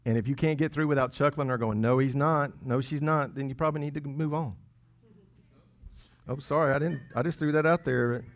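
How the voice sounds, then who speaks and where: A man preaching a sermon as pastor, conversational and playful, with quiet asides between loud, emphatic lines. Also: fairly high pitch, fairly quick. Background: congregation chuckling.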